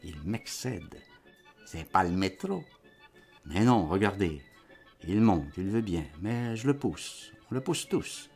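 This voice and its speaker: A man gives a lively, theatrical reading of a literary story. His voice is low and gravelly. His pitch swings widely, and faint music plays behind him. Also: slow. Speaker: audiobook reader.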